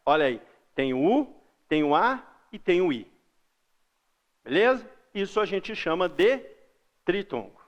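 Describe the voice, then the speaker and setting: Brazilian male teacher, fairly high voice, patient lesson delivery that stretches out example words. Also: lo-fi sound. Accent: Brazilian Portuguese. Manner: patient, drawn-out example words, frequent "ó" and "beleza?". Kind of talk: recorded school lesson for kids.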